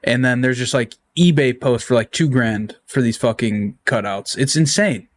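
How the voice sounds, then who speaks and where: A man with an average-pitched voice chats loosely as a podcast co-host. He doubles back on his words and curses casually. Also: moderate pace. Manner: repeats words, profane. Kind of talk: casual chat.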